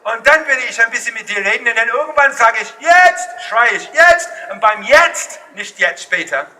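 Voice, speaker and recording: Speaking fast in a very high voice, a street entertainer banters with a festival audience in an open-air town square, his broken German peppered with English and often rising to a shout. There was no mic; the footage was shot from a distance, and the outdoor audio is full of crowd sounds and noise.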